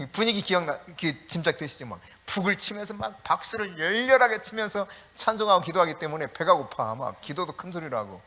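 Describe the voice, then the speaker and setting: A middle-aged male pastor giving a sermon, animated and storytelling, talking directly to the congregation with chatty asides. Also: sits high, moderate pace. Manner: animated preaching with shouted calls.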